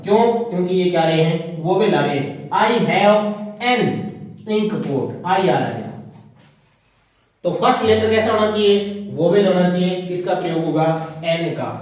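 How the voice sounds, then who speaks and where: A man's voice: sits high, measured pace. Guy teaching english grammar, asks then answers himself, super echoey room, kinda far from mic. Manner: asks and answers his own questions, repeating key words. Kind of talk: grammar lesson explained in Hindi.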